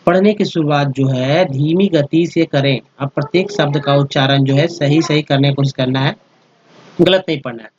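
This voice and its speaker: Higher-voiced man teaching step by step. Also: normal speed, a little mellow, highs cut off, slight background noise. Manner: explains step by step, repeats words and spells letters out; addresses viewers as friends, checks with "ठीक है". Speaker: English teacher. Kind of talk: spoken slide lesson.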